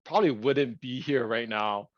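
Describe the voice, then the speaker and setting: This man is a Hawaiian-speaking podcast co-host from Hawaii, chatting casually in a thoughtful, rambling way full of pauses and restarts. His voice is mid-range, captured on a dry recording with the highs cut off.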